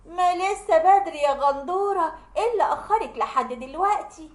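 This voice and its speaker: A woman's voice: high voice, animated, fast talker. A woman voicing a domineering older Egyptian mother-in-law who scolds with scorn. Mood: scolding. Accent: Egyptian Arabic. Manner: sharp, scornful, bossy. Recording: roomy echo.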